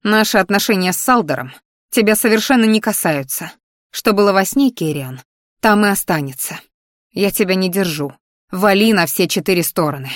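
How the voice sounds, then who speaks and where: A woman voicing a defiant young woman who snaps back with sharp, scornful retorts. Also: mid-range voice, moderate pace, no echo, clean studio sound, natural voice. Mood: indignant.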